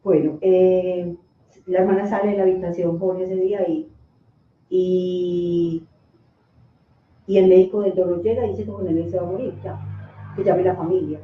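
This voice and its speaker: A middle-aged woman giving an emotional personal account as a guest, halting with restarts and fillers. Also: on the low side, slight background noise. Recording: echoey, distant, phone-like sound.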